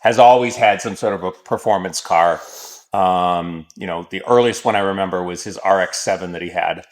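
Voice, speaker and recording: Man, fifties, low voice, rambling, filler-heavy casual guest chat. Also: moderate pace. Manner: rambling, with many fillers and asides. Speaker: podcast guest.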